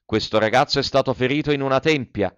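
A man voicing a stern, gruff policeman who speaks in curt commands, in a storybook reading. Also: medium pitch, fast, no echo, natural voice. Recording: dry, slightly dull recording.

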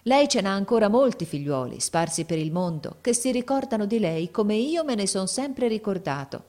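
A woman's voice: mid-range voice, animated, moderate pace, warm tone, pitched above the performer's own voice, close to an everyday voice. A woman voicing a middle-aged father who earnestly comforts his old teacher in a storybook reading.

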